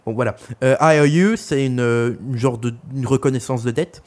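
A man's voice: mid-range voice, little pitch movement, normal speed, darkish tone. A young man co-hosting a podcast, chatting casually and crudely about an album, rambling with lots of fillers. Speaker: podcast co-host reviewing an album. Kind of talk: casual chat.

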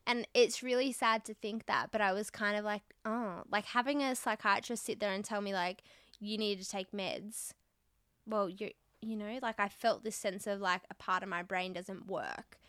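Young woman hosting a podcast, bright voice, dry close sound, chatty and candid. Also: mid-range voice, fairly even intonation, normal speed, few pauses, clean tone, dry recording. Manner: candid and chatty, with frequent fillers. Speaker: podcast host. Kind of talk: casual podcast chat.

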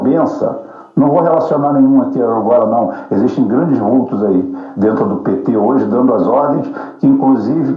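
Profane, combative man on a roomy recording. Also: mid-range voice. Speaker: political commentator. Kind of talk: casual political monologue. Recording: roomy, dull lo-fi, faint music.

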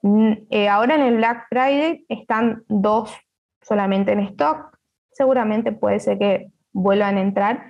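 A woman's voice: mid-range voice, unhurried, gravelly, dull audio. A woman with a Rioplatense Argentine accent hosts an online book club in a chatty, playful way, full of asides and restarts, over a video call.

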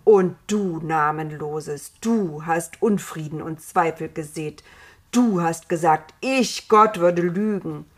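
A woman voicing God, a stern and saddened old male figure, with a solemn, booming way of speaking in a storybook reading. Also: takes it slowly. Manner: solemn, booming when angry.

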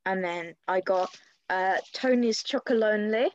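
A woman's voice: medium pitch, measured pace. A young woman in her twenties co-hosting a casual podcast, chatty and playful, teasing her friend and laughing often. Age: 20s. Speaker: podcast co-host. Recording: slightly dull lo-fi sound.

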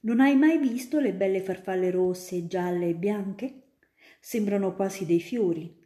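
A woman reads a storybook, taking the part of a gentle young male student who entertains a little girl with fanciful stories. Her mid-range, natural-sounding voice goes a little slowly but stays enthusiastic and animated. There is a roomy echo on the recording.

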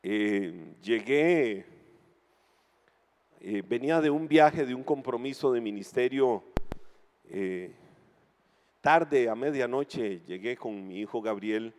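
A middle-aged Costa Rican man preaching a dramatic sermon, swinging from quiet talk to shouted passages. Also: medium pitch, expressive, takes it slowly, long pauses, long reverb tail. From Costa Rica. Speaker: pastor.

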